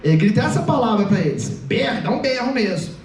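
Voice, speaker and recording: A man giving an animated, joking youth sermon, acting out voices as he tells the story. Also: extremely high pitch, fast talker. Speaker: youth preacher. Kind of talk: lively comic youth sermon. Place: church hall. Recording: echoey hall, voice from far off.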